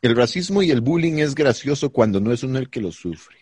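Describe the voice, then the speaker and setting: A man's voice: medium pitch, animated, a little fast, a little mellow, slightly rough, dry recording. A man with a Costa Rican accent co-hosting a casual comedy podcast, teasing the others and reading out listener comments. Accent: Costa Rican Spanish. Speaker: podcast co-host.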